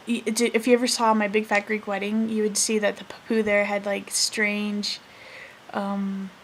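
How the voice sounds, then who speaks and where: A woman in her twenties telling family stories to camera in a soft, hesitant way, full of fillers and self-corrections. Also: medium pitch, gravelly, a little hiss or hum. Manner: laughs while recalling funny moments. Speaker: vlogger. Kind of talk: casual storytelling to camera.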